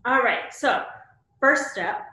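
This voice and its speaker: An American woman in her thirties hosts a children's video, giving plain, simple step-by-step craft instructions from across a table in a small room at home. Her fairly high voice is expressive and slow. The room is echoey and the background noise is heavy.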